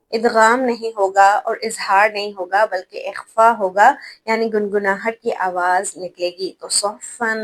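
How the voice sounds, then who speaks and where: A woman teaching an online recitation class, who explains step by step, spells out letters slowly and checks that students follow. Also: mid-range voice, poor audio. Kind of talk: online tajweed lesson.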